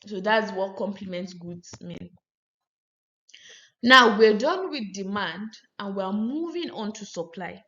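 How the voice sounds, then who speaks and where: A woman giving a fast economics lecture, often checking in with her students. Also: mid-range voice, lively intonation, pushed and bright. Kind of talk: recorded classroom lecture. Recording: roomy, slightly dull audio.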